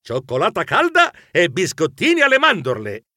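A man narrating a children's story with lively expression, squeaking when excited. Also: normal speed, dry recording, studio quality. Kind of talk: animated audiobook narration.

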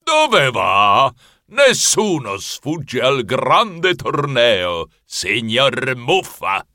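A man voicing a pompous ghoulish butler who makes slow, drawn-out proclamations in a storybook reading. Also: mid-range voice, wildly swooping pitch, bright, forceful tone, pitched below the performer's own voice, exaggerated voice. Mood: menacing.

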